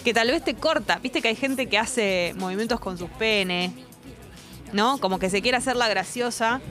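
A woman's voice: a little high, normal speed, a bit bright, faint music behind. A woman with a Rioplatense accent co-hosting a casual podcast chat, joking bluntly and asking listeners to write in. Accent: Rioplatense Spanish. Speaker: co-host.

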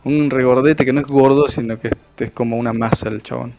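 Argentine guy running a tabletop game, slangy vivid narration, gravelly voice. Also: mid-range voice, steady tone, a little fast, a little mellow, faint music behind. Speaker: game master.

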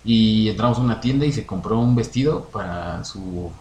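A young man with a Mexican Spanish accent, chatting casually as a podcast co-host, telling animated stories full of slang and acted-out quotes. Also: lowish voice, moderate pace. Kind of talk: casual chat. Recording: roomy echo, faint noise.

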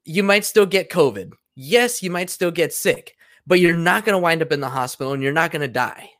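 A man's voice: fairly high pitch, a little fast, fairly bright tone. A man in a casual debate, talking earnestly and persuasively with many fillers. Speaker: conversation partner.

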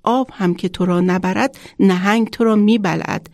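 A woman's voice: medium pitch, fairly even intonation, gravelly, darkish tone, no room sound, clean studio sound, lightly acted. A woman voicing a wise, protective wind spirit that guides a child, speaking in a solemn, instructive storybook manner.

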